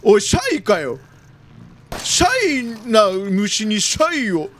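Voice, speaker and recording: A man doing jumpy let's-play commentary of a horror game, often repeating exclamations quickly and using old-man turns of phrase. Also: sits high, huge pitch swings, a bit bright, a little hiss or hum. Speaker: video game streamer.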